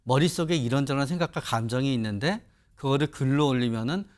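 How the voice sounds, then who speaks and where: A man's voice: mid-range voice, lively intonation. A man, a psychiatrist on a talk show panel, explaining the psychology behind online venting. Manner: explanatory, quick. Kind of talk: expert commentary.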